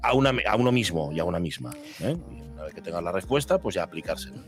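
A male radio host with a lowish voice and an easy, relaxed delivery. He hesitates often with soft fillers and speaks in a casual studio chat. Faint music plays under him. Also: quick pace.

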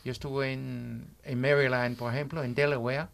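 A man in his sixties, an English native with an accent in Spanish, chatting as a radio guest in a halting way, often checking with "¿bien?". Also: medium pitch, level tone, vocal fry. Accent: English speaker in Spanish. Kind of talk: casual radio chat.

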